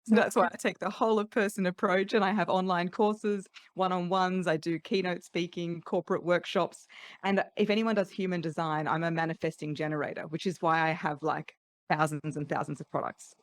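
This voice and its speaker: A middle-aged Australian woman, a voice coach, is a guest in a casual podcast interview, speaking articulately and laughing lightly between points. Her voice is on the low side, fairly even and a little fast, in a dry recording.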